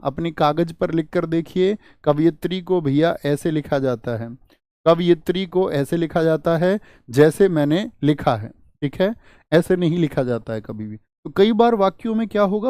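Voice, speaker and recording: A man's voice: a little high, a little mellow, dry recording, studio quality. A male teacher running an exam-prep lesson, drilling students with repeated rhetorical questions. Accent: Hindi.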